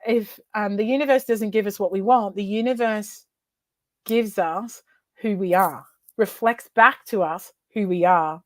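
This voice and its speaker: An expressive woman guest speaking as a coach and author, mid-height voice in a dry, close-miked setting. She talks in a conversational way and brings her stories to life with sudden vocal leaps. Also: a little slow, dry recording. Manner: animated, acts out dialogue with big pitch leaps. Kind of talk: conversational storytelling interview.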